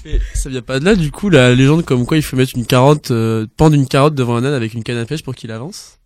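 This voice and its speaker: A man's voice: mid-range voice, brisk, a little mellow, no room sound, clean studio sound. A man chatting casually in a group talk, joking and teasing, with chuckling asides.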